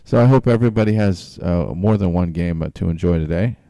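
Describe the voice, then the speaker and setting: A man's voice: low-pitched, brisk, dark tone, no room sound. A middle-aged man hosting a casual football chat show, often stumbling and repeating words. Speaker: podcast host.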